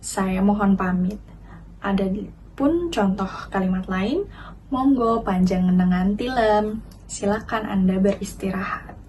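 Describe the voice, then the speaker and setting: A young woman, a university student, giving a class presentation with careful, measured explanation. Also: mid-range voice, a little mellow. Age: young adult. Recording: distant mic, faint noise.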